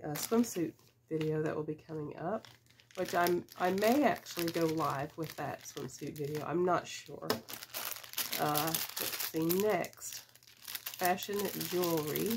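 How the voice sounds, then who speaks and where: This reseller vlogger, a woman in her fifties, has a stuffy head cold and talks in an easygoing, unhurried way as she unboxes things, with little laughs and filler words. Her voice sits low, and there's slight background noise. The camera is at desk distance in a small indoor room lined with shelves of boxes.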